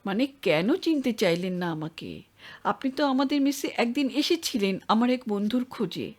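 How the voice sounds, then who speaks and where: A woman's voice: on the high side, lively intonation, moderate pace. A woman voicing a persistent young man in an audio story, questioning insistently. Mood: probing.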